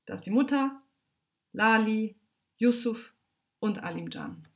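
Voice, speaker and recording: A woman reads a children's story aloud in an animated, dramatic way. She speaks from home on a livestream. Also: on the high side, slow pace.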